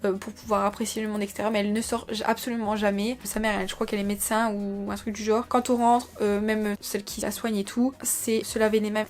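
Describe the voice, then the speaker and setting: Chatty woman vlogger full of fillers. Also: medium pitch. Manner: chatty, rambling, many hesitant fillers. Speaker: YouTuber reviewing films. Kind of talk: casual chat.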